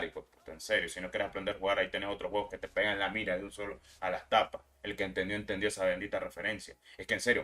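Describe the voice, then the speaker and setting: A man's voice: fairly low pitch, fairly bright tone. A young man, hosting a gaming channel and ranting heatedly in casual, profane commentary.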